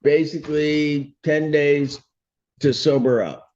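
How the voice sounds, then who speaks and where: A man's voice: fairly high pitch, steady tone, takes it slowly, darkish tone. A man speaking as a judge in an informal hearing, plain-spoken and patient, often interjecting. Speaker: judge presiding over a hearing. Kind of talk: informal courtroom exchange. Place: court hearing held over video call. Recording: dull video call audio.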